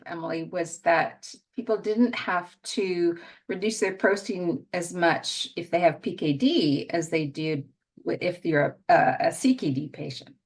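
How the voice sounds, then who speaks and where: Woman hosting a webinar, lower voice. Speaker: webinar host. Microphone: remote webinar call.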